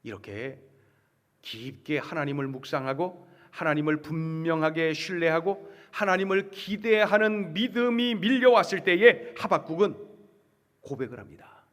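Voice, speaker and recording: A man preaching a sermon as pastor, emphatic and full of rhetorical questions, swinging between hushed and loud delivery. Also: a little high, moderate pace. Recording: long church reverb.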